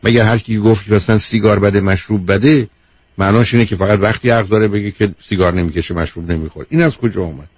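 Husky man lecturing emphatically on radio. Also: fairly low pitch, dry recording. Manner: emphatic, lecturing, repeats key points, calls the caller "dear". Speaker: radio advice host, a doctor. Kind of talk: call-in radio counselling. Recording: dull lo-fi radio broadcast.

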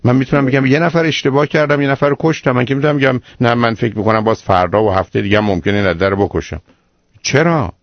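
A man's voice: medium pitch, steady tone, dry recording, lo-fi sound. A man hosting a radio call-in advice show, lecturing a caller sternly and emphatically.

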